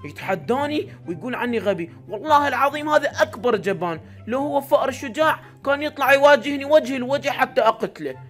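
A man's voice: very high voice, expressive, fast talker, few pauses, faint music behind. A man with an Iraqi accent narrating a Minecraft machinima to his viewers in a playful, direct way. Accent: Iraqi Arabic. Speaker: YouTuber narrating as the cat.

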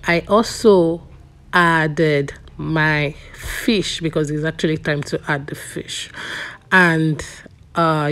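Low-voiced woman, chatty cook. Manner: chatty, relaxed, with small laughs. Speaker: cooking vlogger. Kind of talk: cooking voice-over.

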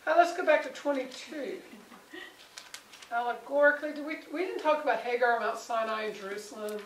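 A woman with a somewhat high voice leads a Bible study for a small group, chatting and asking them questions. She acts out the people she quotes. The sound is roomy and distant, with faint noise behind her. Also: brisk. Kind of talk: conversational Bible teaching.

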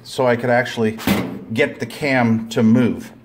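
A man's voice: medium pitch, little pitch movement, measured pace, background noise. Plain-spoken man with a rambling tutorial. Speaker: DIY video maker. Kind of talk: casual hands-on tutorial. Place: indoors at a table, hands-on with tools.

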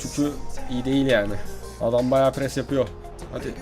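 A young man doing live gameplay commentary as a gaming YouTuber, excitable and swinging from muttering to frustrated outbursts. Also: mid-range voice, moderate pace, faint music behind.

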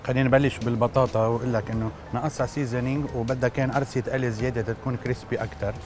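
A man with a Lebanese Arabic accent gives blunt, matter-of-fact verdicts at a very fast clip, in a mid-pitched voice. He judges a cooking show in a bright studio, with music behind. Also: steady tone. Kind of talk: casual critique. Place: bright indoor TV studio set.

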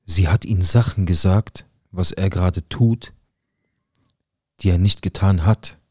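Young guy telling a dark true story, deep husky voice, dry sound. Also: no echo. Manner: intense, emotional, blunt, quick bursts. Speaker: storyteller sharing a personal story. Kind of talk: personal storytelling.

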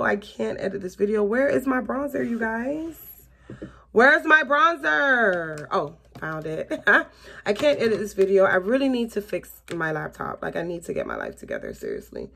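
A late-thirties woman with a Southern accent from Florida speaks in a medium-pitched, gravelly voice with a fairly bright tone. As a beauty vlogger filming a casual get-ready-with-me video, she does her makeup in a small bedroom, rambling, laughing frequently and talking to "you guys." She's captured by a camera at close range in front of her.

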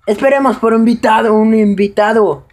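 A man giving casual live commentary over his own gameplay, excitable and prone to high shouts when things go wrong. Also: fairly quick.

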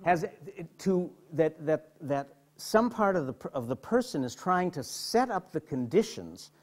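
Animated middle-aged man giving a lecture. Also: a little high, a little slow. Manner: animated storyteller, repeats and restarts words. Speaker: psychotherapist giving a hospital lecture. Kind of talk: lecture to an audience.

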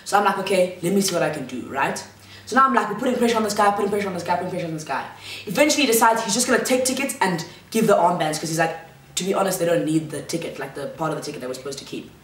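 Talking very fast in a loud, fairly low, animated voice, a young adult vlogger shares a slangy, chatty storytime from her large living room. The fixed camera sits across the room, giving roomy echo, and there's slight background noise.

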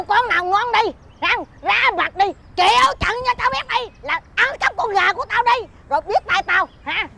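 An actress playing a loud, wailing old village woman in a folk tale TV drama. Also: gravelly, noisy background, full character voice. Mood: scolding. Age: older. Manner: shrill, scolding, wailing pleas.

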